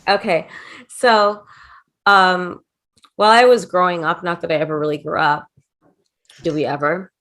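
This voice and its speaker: A woman's voice: lowish voice, fairly even intonation, moderate pace, pauses often, fairly bright tone. A middle-aged woman guest in a casual interview, telling chatty anecdotes and slipping into quoted voices. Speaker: interview guest, former wrestling manager.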